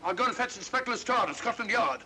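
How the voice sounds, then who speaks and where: High-voiced, blustering old Doctor Watson. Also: male voice, quick pace. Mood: earnest, fussy. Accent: British. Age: older. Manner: hesitant, stammering, self-important. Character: bumbling, earnest, indignant old retired doctor, amateur sleuth. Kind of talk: 1940s mystery film acting. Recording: vintage film soundtrack, steady train rumble.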